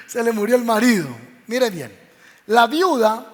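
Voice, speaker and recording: A man with a Medellín Colombian accent, a pastor telling a Bible story in a sermon and acting out its voices. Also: very high-pitched. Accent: Colombian Spanish, Medellín. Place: church hall. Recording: long reverb of a church hall.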